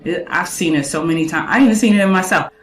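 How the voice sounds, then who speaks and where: A woman's voice: on the low side, fast talker, echoey room, poor audio. A woman giving casual commentary on a clip, chatty, quizzing the viewer and listing traits.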